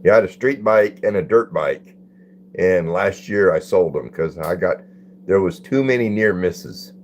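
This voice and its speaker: A man's voice: deep voice, measured pace. An older man hosting a live stream, chatting in a folksy way and greeting viewers by name as he reads their comments. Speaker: livestream host. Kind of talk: casual live-stream chat reading comments.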